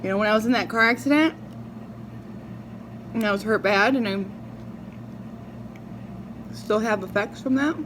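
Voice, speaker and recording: Female mukbang vlogger, mid-range voice, talks while eating; confessional, pausing, reflective; noticeably noisy recording. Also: medium pitch. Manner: chewing and eating while talking; reflective, halting, with drawn-out words and pauses. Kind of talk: casual confessional chat to viewers. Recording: clearly noisy background.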